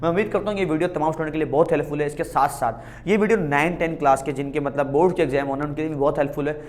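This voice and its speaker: Slightly high-voiced male teacher, repetitive. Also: fairly even intonation, very fast. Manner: calls viewers "beta", asks a question and answers it himself, repeats key words. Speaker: English teacher. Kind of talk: video grammar lesson.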